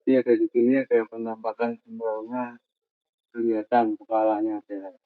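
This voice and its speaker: A man, filming himself camping alone outdoors at night, narrating in a tense hush and muttering prayers. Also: fairly low pitch, little pitch movement, normal speed, no room sound, phone-quality sound. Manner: tense, repeats short urgent calls to listen; muttering prayers under breath. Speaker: solo camping vlogger. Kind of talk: hushed on-the-spot night vlog narration.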